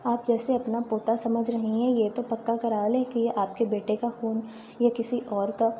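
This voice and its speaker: A woman's voice: on the high side, level tone, mellow, a little hiss or hum, close to an everyday voice. A woman reading the lines of a wronged young wife in a storybook tale, speaking in a reproachful, pleading way.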